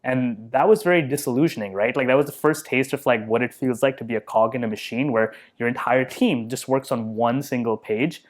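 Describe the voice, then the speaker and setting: Talking fairly quickly with hardly any pauses, a man in his thirties from India uses a mid-range voice. As a podcast guest in a laid-back interview, he's humble and easygoing, reflecting aloud, self-deprecating, and filling gaps with lots of fillers.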